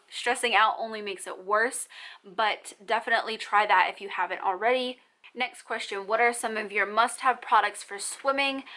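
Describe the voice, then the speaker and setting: Bright-voiced chatty young mom vlogger. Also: female voice, medium pitch. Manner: fast, chatty and encouraging. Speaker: parenting vlogger. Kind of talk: casual Q&A vlog.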